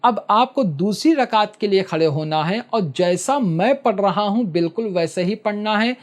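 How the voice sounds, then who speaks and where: A man teaching prayer step by step, patiently and repeatedly telling listeners to listen carefully. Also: high-pitched. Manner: switches to slow chanted recitation for prayer texts. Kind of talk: step-by-step spoken instruction.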